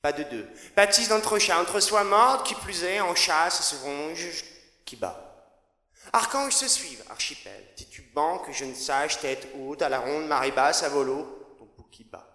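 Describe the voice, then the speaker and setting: A man's voice: on the high side, lively intonation, measured pace, bright, forceful tone. A man performing rhythmic spoken-word poetry in a chanted, incantatory delivery, with a repeating refrain that often drops to a whisper. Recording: reverberant with a long hall echo.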